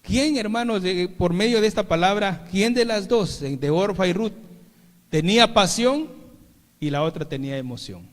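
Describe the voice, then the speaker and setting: A man with a Mexican Spanish accent preaching a sermon, calling the congregation "brothers" again and again and swinging between loud and soft. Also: high-pitched, moderate pace. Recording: long reverb of a church hall.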